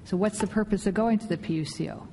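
A woman's voice: mid-range voice, quick pace, mellow. An American woman, a judge putting direct, pressing questions from the bench. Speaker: appellate judge. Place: large indoor courtroom. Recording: noisy reverberant courtroom.

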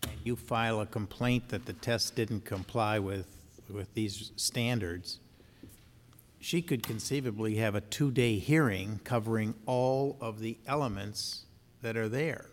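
A man questioning from the bench as a judge, in formal, deliberately worded sentences. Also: on the low side, slight background noise. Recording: long hall reverberation.

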